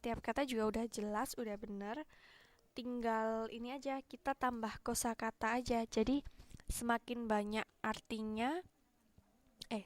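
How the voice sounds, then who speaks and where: A woman's voice: fairly high pitch, dry recording. A woman teaching an English class online, chatty and encouraging, speaking into a meeting microphone.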